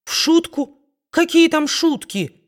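A woman's voice: medium pitch, lively intonation, normal speed, lightly acted. A woman reading a storybook and voicing a good-natured young man who protests frankly. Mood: indignant.

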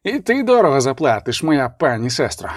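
A man's voice: mid-range voice, sing-song, a little fast, no room sound, studio quality. A man voicing a haughty duke who gives orders in an imperious, commanding tone, in an audiobook reading.

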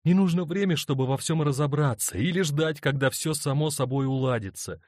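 Reading a storybook, a man takes on the part of a tender young wife torn between two loves, lifting and softening his voice to a fairly high pitch that still stays near an everyday voice. She pleads and hesitates briskly, full of emotion and doubt, in a close recording with no room sound.

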